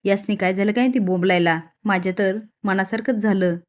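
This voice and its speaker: A woman's voice: mid-range voice, fairly quick, natural voice. A woman voicing a spiteful, gloating old village grandmother.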